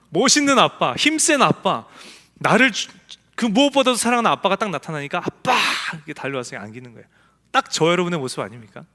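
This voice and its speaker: Pastor, male, bright forceful tone, echoey sanctuary; emphatic preacher who acts out quotes. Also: sits high. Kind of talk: sermon. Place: church sanctuary. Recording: echoey church hall.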